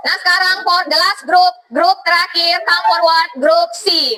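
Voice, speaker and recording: A woman's voice: extremely high pitch, fairly even intonation, unhurried, bright, forceful tone, low-quality recording. A woman with an Indonesian accent teaching a class in a classroom, encouraging students and mixing English phrases into her speech. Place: school classroom.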